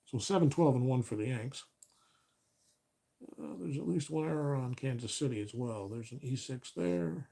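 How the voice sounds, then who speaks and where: This is relaxed play-by-play of a tabletop baseball replay, with the host counting stats aloud and correcting himself as he goes. His voice is medium in pitch at a moderate pace, getting a bit raspy.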